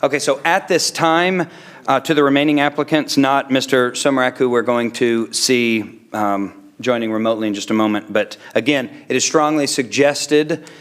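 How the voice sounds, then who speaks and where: Male meeting chair, mid-pitched, conversational and accommodating, informal procedural talk. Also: normal speed, smooth. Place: indoor council chamber, dais microphone.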